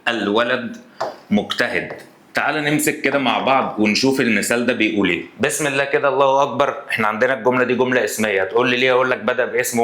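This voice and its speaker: A young adult man with an Egyptian Arabic accent teaching a grammar lesson in an animated way, quizzing students with playful asides. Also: fairly low pitch, echoey room.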